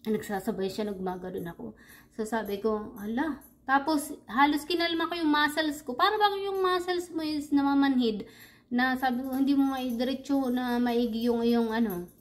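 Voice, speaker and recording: A woman from the Philippines speaks in a casual, confiding vlog monologue. Her voice sits a little high. She talks in a reflective, rambling way and often pauses to restart a thought. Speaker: vlogger.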